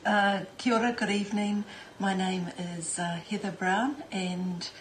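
A woman with a New Zealand accent introducing herself in a measured way with small pauses. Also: medium pitch, fairly even intonation, recorded from a distance. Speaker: association member. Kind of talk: casual self-introduction. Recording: echoey room, faint noise.

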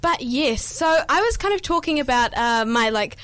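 Young woman, New Zealand accent, high voice, giggly, chatty, radio studio. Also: lively intonation, normal speed, fairly bright tone, a little hiss or hum. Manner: bubbly, giggly, talkative. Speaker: co-host of a youth radio show. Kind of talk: casual radio chat.

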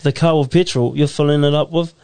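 A man's voice: a little high, steady tone, fairly quick, background noise. A man with a New Zealand accent co-hosting a community radio show, playful and rambling as he jokes along. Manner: playful, joking, rambling storyteller. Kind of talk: casual radio chat. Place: community centre studio.

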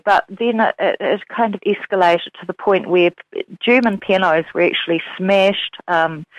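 In an interview, a woman novelist talks about her book, hesitant and full of fillers and restarts. Her voice is mid-range, and the recording is dull and lo-fi with no room sound.

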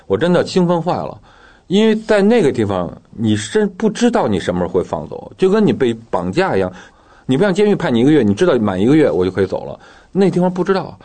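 Fast, animated male storyteller. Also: a little high. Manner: lively storytelling, often acting out the dialogue. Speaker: interviewee telling his own story. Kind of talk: casual spoken storytelling. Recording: guitar music playing behind.

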